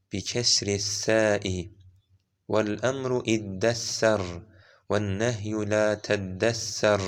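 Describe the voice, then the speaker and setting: A man recites an Arabic grammar book for an audiobook, working through verb forms one by one and spelling out their vowel marks. His voice sits somewhat low and sounds smooth and resonant. He reads very slowly and deliberately. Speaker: audiobook reader.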